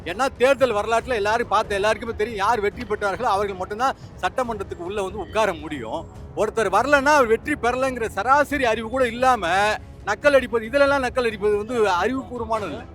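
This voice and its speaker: A man's voice: high voice, quick pace, a bit bright, faint music behind. A man giving argumentative political commentary, firing off indignant rhetorical questions.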